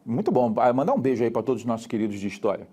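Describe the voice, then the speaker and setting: A young Brazilian man teaching a lively history lesson, acting out characters in quick street talk. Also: medium pitch, breathy edge. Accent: Brazilian Portuguese.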